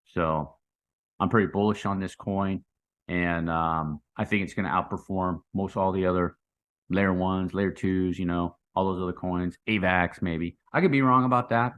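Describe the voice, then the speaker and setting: Man, lowish voice, crypto bro, casual market commentary, slangy, rambling, repetitive emphasis. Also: a bit bright. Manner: hyped, slangy crypto bro talk, saying 'man', 'dude' and 'guys'; rambling, repeats phrases for emphasis.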